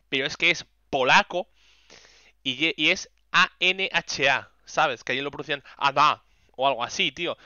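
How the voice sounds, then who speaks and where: A young man from Spain with a very bright, forceful voice tells animated, exasperated stories and swears freely while streaming a game. His accent is clearly Spain Spanish. The sound is dry and a little dull, like a cheap streaming mic. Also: on the high side, dry recording. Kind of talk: casual live-stream chat while gaming.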